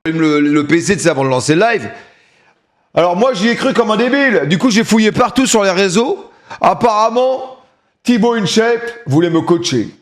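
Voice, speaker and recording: A middle-aged man chatting and joking on a live stream, with loud hype bursts. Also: sits high, lively intonation, normal speed. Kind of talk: casual live-stream chat.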